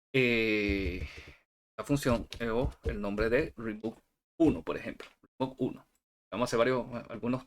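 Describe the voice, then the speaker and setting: Male tutorial instructor, mid pitch, step-by-step, keeps checking in. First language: Spanish. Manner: talks viewers through steps, checking in with "¿ok?". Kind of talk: software tutorial screencast.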